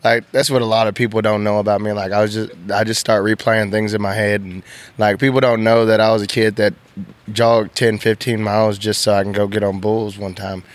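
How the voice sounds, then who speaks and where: Soft-spoken young man, emotional. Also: on the low side, level tone, a little fast. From Texas. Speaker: professional bull rider, guest. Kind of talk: candid interview chat.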